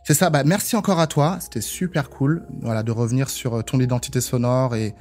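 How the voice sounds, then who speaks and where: French male host, mellow and laid-back, casual interview talk. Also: mid-range voice, brisk, soft background music. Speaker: podcast host.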